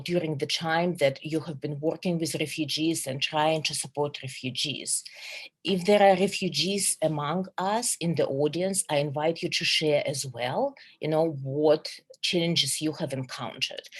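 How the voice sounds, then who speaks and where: Her deep voice has a breathy edge: she is a middle-aged psychologist from Russia with a Russian accent. She presents a webinar over video call in an earnest, measured way, with frequent fillers and restarts.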